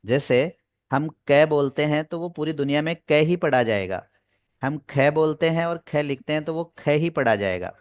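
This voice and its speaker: A man's voice: fairly high pitch, normal speed, no echo. A man teaching spoken English in an online class, explaining in Hindi mixed with English terms, patient and repetitive. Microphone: video call.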